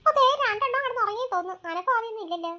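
A woman plays a cartoon girl with a piercing, very high and bright voice. She chatters quickly and nervously to herself, easily spooked and jumpy. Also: expressive, full character voice. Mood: musing. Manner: jumpy, frightened muttering to herself. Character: scared young girl alone at night. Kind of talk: cartoon voice acting.

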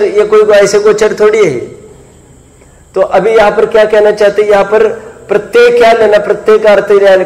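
A man's voice: high voice, darkish tone. A man teaching Jain philosophy in a lecture, questioning students, repeating key points and chiding those who do not follow. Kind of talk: classroom lecture explaining a text. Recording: long reverb in a hall.

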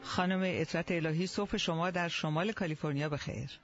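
A man's voice: fairly high pitch, a bit bright. A man hosting a radio talk show, greeting his guest in a courteous, flowery way. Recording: dull lo-fi radio sound with music under it.

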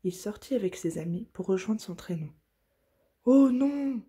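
A woman reading a children's story aloud in a soft, gentle voice, at times nearly whispering. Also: on the low side. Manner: soft, gentle and breathy, slow at tender moments.

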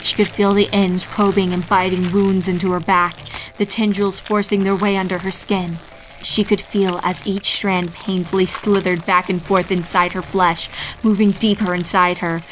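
This woman narrates a horror story aloud as a fan fiction reader, giving a scripted, dramatic reading in a medium-pitched voice. A music bed plays beneath her. The recording is rough, with slight background noise.

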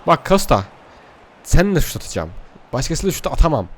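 A young man giving excitable, frustrated commentary over his own gameplay, talking to the players on screen. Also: fairly high pitch, quick pace, husky. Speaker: gaming youtuber.

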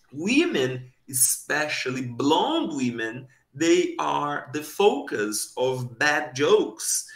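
A young man giving an academic conference talk over a video call, slow and deliberate, posing rhetorical questions. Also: high voice, vocal fry, fairly bright tone. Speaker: conference presenter. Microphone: webcam on video call. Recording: echoey room.

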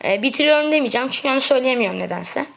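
A woman talking through her matches as a gaming video creator, chatty and quick to get exasperated with teammates. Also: sits high, lively intonation, creaky, a bit bright. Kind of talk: gameplay commentary. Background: background music.

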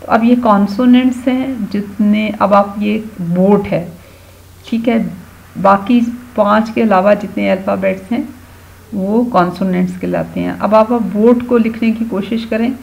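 Brief: Pakistani Urdu-accented woman, children's teacher, slow and patient, some vocal fry, dull lo-fi home recording. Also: mid-range voice, fairly even intonation, darkish tone. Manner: slow and patient, sounding out letters one by one. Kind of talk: home-school grammar lesson for young children.

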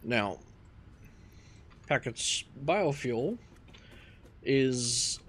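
Slow-talking man narrating his gameplay. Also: mid-range voice. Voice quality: relaxed, rambling, thinking aloud. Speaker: gaming channel host. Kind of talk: casual gameplay commentary.

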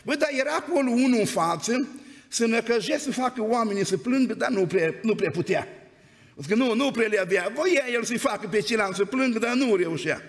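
A man's voice: very high-pitched, animated. A man preaching a sermon in a church, telling stories in a conversational way and often prompting the congregation with "amen?". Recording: long church hall reverb.

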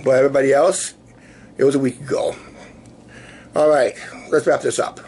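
Recorded in a small living room by a camera held at arm's length, this video diary has noisy room ambience on the camera mic. The vlogger, a man in his fifties, chats casually in a rambling, halting way, his weak, sore post-illness voice sitting at medium pitch with fairly even intonation and a darkish tone.

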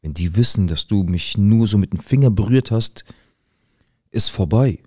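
A man's voice: lowish voice, lively intonation, normal speed, a little mellow, dry recording. A man voicing a worried teenage girl who pleads and warns her boyfriend, recorded dry and close. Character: anxious teenage girl, secretive girlfriend.

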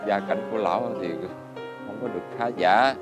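A man's voice: lowish voice, moderate pace, highs cut off, over music, lightly acted. An actor playing a poor, good-natured old fisherman who talks meekly and hesitantly with frequent chuckles. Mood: rueful.

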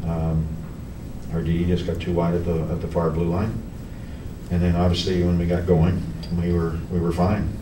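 A middle-aged man, a hockey coach, answering reporters at a post-game press conference, halting with many restarts and fillers. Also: sits low, completely flat delivery. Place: press room in front of a team backdrop. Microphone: table mic on a stand, heard from a camera farther off. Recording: echoey room, distant camera, background noise.

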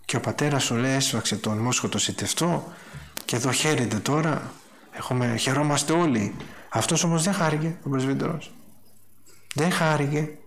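Animated man preaching a sermon. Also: mid-range voice, slight background noise. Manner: animated storytelling, acting out dialogue in a raised voice.

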